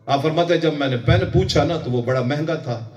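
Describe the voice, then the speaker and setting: Folksy preacher in an echoey hall. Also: male voice, fairly high pitch, a little mellow. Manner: folksy, mixes Punjabi phrases, asks listeners if they understand. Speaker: religious preacher. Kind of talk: sermon with storytelling. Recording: roomy echo, voice from a distance.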